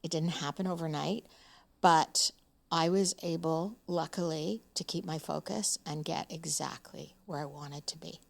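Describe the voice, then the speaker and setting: A woman's voice: low voice, steady tone, measured pace, creaky. Frank, emphatic woman in her seventies. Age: 70s. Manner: frank and emphatic, with hesitant fillers. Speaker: guest. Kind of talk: podcast interview.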